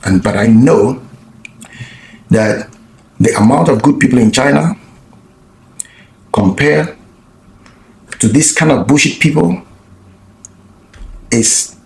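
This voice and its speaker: A man's voice: medium pitch, slow pace, creaky, long pauses, a little mellow, reverberant, low-quality recording. A man vlogging, telling a story in a blunt, profane way with lots of restarts. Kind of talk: casual storytelling monologue.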